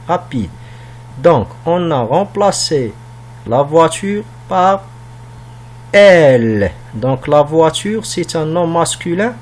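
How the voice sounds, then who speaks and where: A man teaching a primary school French lesson, reading out words and questions one by one. He speaks very slowly and repeats words so pupils can follow the pronunciation. His voice sits a little high for a man. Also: expressive. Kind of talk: slow recorded classroom lesson.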